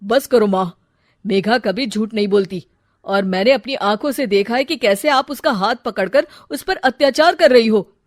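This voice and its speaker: A woman's voice: fairly high pitch, moderate pace, dry recording, studio quality, close to an everyday voice. Woman doing a firm young husband. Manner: firm, matter-of-fact. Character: young married son, firm and blunt. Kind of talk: cartoon voice acting.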